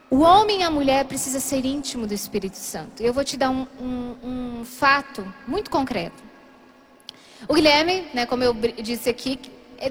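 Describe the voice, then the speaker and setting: High-voiced Brazilian woman telling a story. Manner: animated, acts out dialogue in shifting voices. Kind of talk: storytelling testimony.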